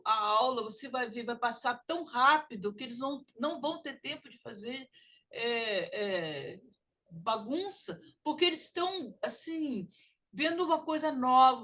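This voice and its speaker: A woman's voice: high voice, bright, forceful tone. A woman with a Brazilian Portuguese accent teaching a pronunciation lesson, drawing out model sounds. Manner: drawn-out, exaggerated model sounds. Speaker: literacy teacher.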